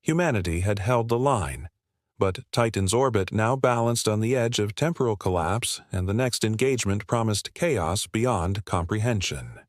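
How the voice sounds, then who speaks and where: A man narrating a scripted sci-fi war story in a steady, dramatic way. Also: lowish voice, moderate pace, dry recording, clean studio sound.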